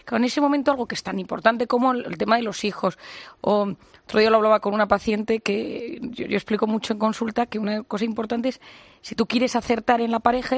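Woman psychologist, kinda high voice, dry close mic, chatty examples. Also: dry recording. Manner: explains with everyday examples and acted-out quotes. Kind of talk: radio-style conversation.

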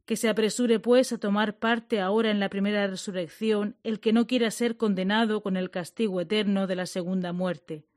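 A woman giving a measured, solemn liturgical reading. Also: medium pitch, fairly even intonation, darkish tone, dry recording, clean studio sound.

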